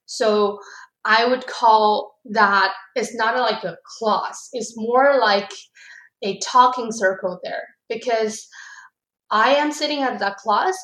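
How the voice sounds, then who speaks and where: A young woman from China speaks English with a Chinese accent. She tells her own story as a graduate student, pausing and restarting words as she goes. Her voice is at an ordinary pitch for a woman. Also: a bit bright, poor audio. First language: Mandarin Chinese. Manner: halting, with frequent restarts and self-corrections. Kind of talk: personal storytelling.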